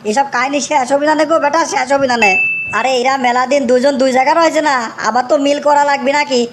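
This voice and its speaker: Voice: high voice, fairly even intonation, quick pace, a little hiss or hum, natural voice. A performer voicing an exasperated young village nephew in a comic cartoon, whining and repeating complaints. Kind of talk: comic cartoon dialogue, rustic dialect.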